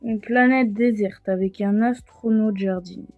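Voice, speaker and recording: A woman's voice: medium pitch, fairly even intonation, unhurried, dry recording, phone-quality sound, soft background music. A young woman from France vlogging on her phone, rambling and joking at herself in a casual way. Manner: rambling, self-mocking and chatty. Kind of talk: casual vlog chat. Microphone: handheld phone.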